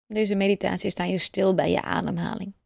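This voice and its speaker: Woman, guided meditation, mellow and gravelly tone, calm, slow, soothing, spacious pauses. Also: medium pitch, no room sound, clean studio sound. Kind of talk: guided breathing meditation narration.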